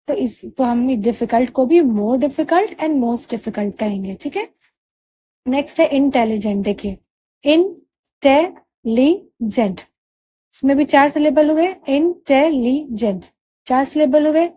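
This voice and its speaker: A woman teaching English grammar, patiently checking understanding and drawing out key words slowly. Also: high voice, dark tone. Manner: drawls key words slowly to spell them out. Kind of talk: explanatory lesson.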